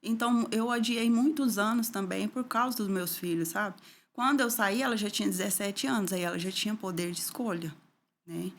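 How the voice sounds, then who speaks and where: A middle-aged woman from Brazil, an interview guest giving an emotional personal testimony, her voice dropping low and soft and tearful at painful moments. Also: moderate pace.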